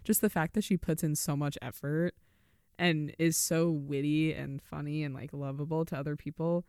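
A man's voice: a little high, steady tone, moderate pace, a little mellow, clean tone, no room sound, studio quality. A man co-hosting a podcast, chatting enthusiastically about a film and giggling often. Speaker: podcast co-host. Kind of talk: casual film discussion.

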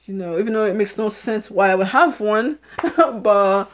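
A middle-aged woman from Haiti, speaking with a British-sounding accent, hosts a casual solo podcast and rambles, repeating herself and laughing often. Her voice is mid-range and her speed normal.

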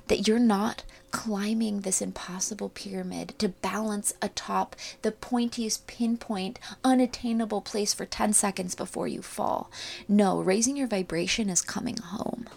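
A woman giving an earnest, informal spiritual pep talk straight to listeners, breathy and often near a whisper, like a soothing healer. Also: medium pitch, a little mellow. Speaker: podcast host and spiritual coach.

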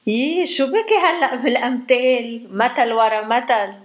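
High-voiced playful young Lebanese woman. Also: normal speed, lo-fi sound. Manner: playful, teasing, questioning. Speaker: daughter on a call with her mother. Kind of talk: casual family phone chat.

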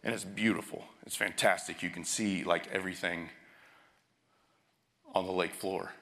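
A man's voice: low-pitched, steady tone, moderate pace, pushed and bright. A man preaching a sermon as a pastor, telling stories and often restarting his phrases.

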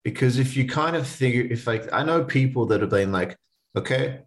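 A podcast host in his late twenties speaks at a normal speed with lively intonation and a medium-pitched voice. On his solo motivational show he sounds casual and earnest, conversational and prone to restarts.

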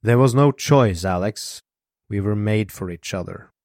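A man voicing a gentle, wistful young woman with a soft, probing way of speaking. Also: fairly low pitch, unhurried, dry recording, studio quality. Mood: fierce, warm. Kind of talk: audiobook character voice.

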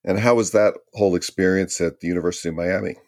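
A man's voice: sits low, steady tone, quick pace, a little mellow, dry recording, clean studio sound. A man hosting an interview podcast, presenting and putting questions in a conversational way. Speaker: podcast host, lawyer. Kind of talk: scripted intro and conversational interviewing.

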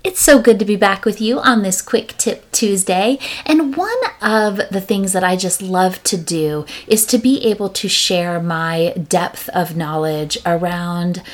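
A woman hosting a parenting podcast as a parent coach, talking casually and upbeat, acting out quick quotes of parents and kids. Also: medium pitch.

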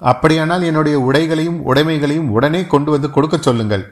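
A man voicing a bold, quick-tongued young male warrior who speaks with indignant authority in an audiobook. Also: a little high, voice pushed up, lightly acted. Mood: defiant. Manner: indignant, commanding speech.

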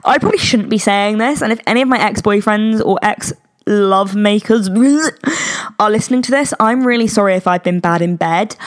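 A young British woman in her twenties hosting a podcast, chatting frankly and giggling, with lots of fillers. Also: a little high. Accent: British English. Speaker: podcast host. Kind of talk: casual chat.

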